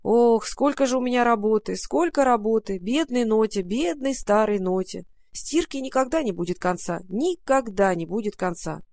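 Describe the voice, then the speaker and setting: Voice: mid-range voice, lively intonation, normal speed, hardly any pauses, darkish tone, no room sound, close to an everyday voice. A reader doing old Notya, a fussy sighing raccoon. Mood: grumbling. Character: old grumbling sentimental male raccoon. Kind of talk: storybook reading.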